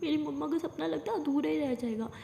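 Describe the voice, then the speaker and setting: Woman doing a cheeky young girlfriend, high voice, roomy echo. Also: quick pace, gravelly, dark tone, a little hiss or hum. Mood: pleading. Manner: teasing, pleading. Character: playful young woman lover, teasing. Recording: echoey room with long reverb.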